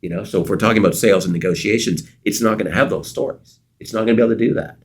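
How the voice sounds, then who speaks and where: Man, middle-aged, very low voice, from Canada, interview guest, animated storyteller. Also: very fast, slightly rough. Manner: animated storyteller, acts out quoted dialogue. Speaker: guest consultant.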